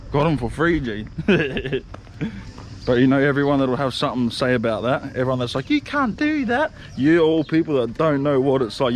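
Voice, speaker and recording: Slangy young man, higher voice. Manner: slangy, swears a lot, frequent laughter. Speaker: vlogger. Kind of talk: casual storytelling vlog. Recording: faint background noise.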